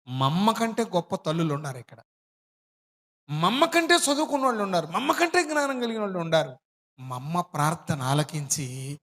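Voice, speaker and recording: Male pastor, high voice, bright tone, animated storytelling sermon, reverberant hall. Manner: animated storytelling, acts out family dialogue. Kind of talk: sermon testimony.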